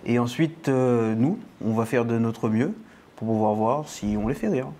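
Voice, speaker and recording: A man's voice: mid-range voice, normal speed, mellow, a little hiss or hum. Teasing man announcing the next round. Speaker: co-host of a parody dating show. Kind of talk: joking casual banter.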